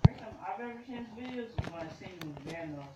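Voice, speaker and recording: A woman's voice: on the low side, lively intonation, fast, crowd noise. A woman chatting while playing a game, teasing and swearing. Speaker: co-player. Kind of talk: casual gaming chat. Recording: echoey room with loud noise.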